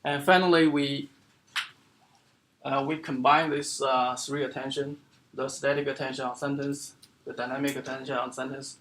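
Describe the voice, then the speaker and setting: A man giving an academic seminar lecture as the speaker, explaining in a halting way with many fillers and restarts. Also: mid-range voice, level tone, a bit bright, slight background noise. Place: lecture room.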